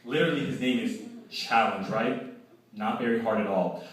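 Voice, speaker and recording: A man in his twenties performing a stand-up comedy set, telling stories and voicing the people in them. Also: medium pitch. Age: 20s. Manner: animated storytelling, voicing people in quoted lines. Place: law school event hall with live audience. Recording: very echoey hall, voice from a distance.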